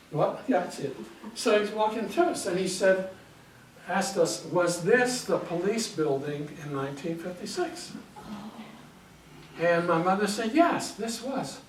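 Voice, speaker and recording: His voice sits high with a bit of brightness, over slight background noise. An older Hungarian-born man, he's giving a chatty, informal slide talk as a guest in a library meeting room, repeatedly checking in with "okay?", while the echoey room and distant mic color the sound.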